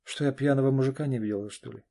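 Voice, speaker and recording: A man voicing a caring young woman in an audiobook, gentle and fussing. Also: mid-range voice, racing, vocal fry, pitched above the performer's own voice. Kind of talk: audiobook reading.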